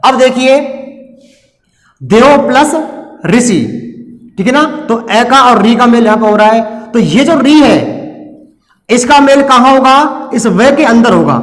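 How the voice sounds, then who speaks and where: A man's voice: extremely high pitch, takes it slowly, long pauses, a bit bright, big-room sound. A man teaching a recorded lesson, explaining step by step and asking and answering his own questions.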